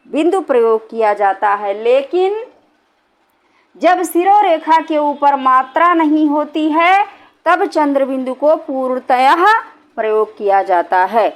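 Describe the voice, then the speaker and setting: High-voiced woman teaching Hindi grammar. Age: middle-aged. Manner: repetitive, checks understanding with "है ना". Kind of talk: classroom-style explanation.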